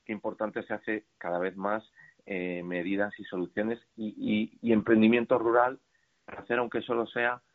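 A deep-voiced man calls into a radio show and talks about his startup event. He hesitates a lot, with fillers and restarts. The line is thin and tinny, like a phone. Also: little pitch movement, moderate pace.

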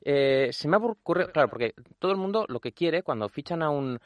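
A middle-aged man, a regular football storyteller guest on a radio show, tells stories conversationally and explains at length with many fillers and repetitions. His voice is fairly high and fairly quick, with lively intonation, in a dry recording.

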